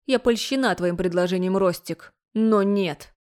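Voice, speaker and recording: A woman's voice: medium pitch, a little slow, darkish tone, close to an everyday voice. A woman voicing a defiant, sarcastic young heroine in an audiobook. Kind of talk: audiobook character voice.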